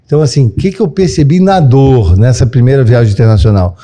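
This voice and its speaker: A man's voice: medium pitch, fast, warm tone. A Brazilian man with a Brazilian Portuguese accent, hosting a podcast interview in a casual, motivational way and dotting his talk with "né" and "entendeu". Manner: motivational, leans on "né" and "entendeu" fillers. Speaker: podcast host, therapist.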